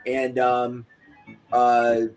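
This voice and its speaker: A man running a tabletop game, narrating in a casual, halting way with many small fillers. Faint music plays behind him. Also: medium pitch, monotone. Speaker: game master.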